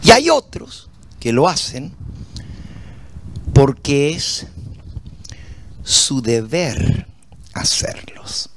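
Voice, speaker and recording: Speaking extremely slowly and pausing often, this middle-aged pastor preaches in an animated way. His medium-pitched voice carries personal anecdotes and rhetorical questions aimed at the congregation.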